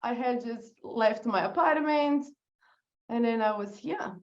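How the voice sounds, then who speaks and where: A Brazilian woman with a Brazilian Portuguese accent speaks in a higher-pitched, slightly slow voice, captured on lo-fi audio. She's a business founder appearing as a guest in a relaxed interview, laughing a lot and occasionally groping for words.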